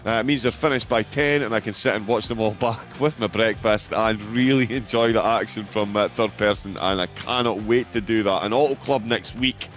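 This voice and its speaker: A man's voice: on the low side, moderate pace, few pauses, a bit bright, soft background music. A man, commentating on a sim racing event in an enthusiastic, upbeat way. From Britain. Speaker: race commentator.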